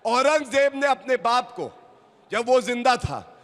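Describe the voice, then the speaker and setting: A man's voice: very high voice, animated, a little slow, a bit bright, long reverb tail. A man arguing insistently and combatively as a panelist on a televised political debate. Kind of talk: heated TV debate argument.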